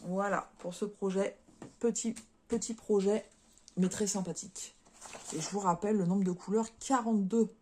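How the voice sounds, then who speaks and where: A woman's voice: medium pitch, fairly even intonation, moderate pace, a little mellow, a little hiss or hum. A French woman chatting casually as a craft vlogger, showing and unboxing cross-stitch kits, with lots of fillers and repeated words.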